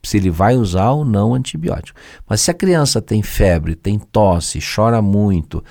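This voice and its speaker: Low, mellow Brazilian man with lively intonation. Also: normal speed, gravelly, dry recording, studio quality. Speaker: doctor, expert guest. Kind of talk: explanatory radio interview.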